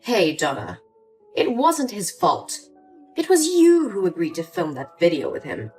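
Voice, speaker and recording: A woman's voice: lowish voice, huge pitch swings, a little slow. A woman voicing a cold, condescending older mother in a story drama, with faint music behind. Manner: cool, condescending.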